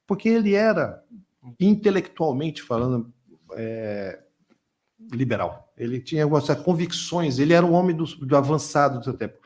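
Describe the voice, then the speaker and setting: A man's voice: on the high side, lively intonation, moderate pace, darkish tone. Discursive man giving a lecture answer. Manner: discursive, frequent restarts and repetitions. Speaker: guest lecturer. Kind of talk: conference Q&A answer.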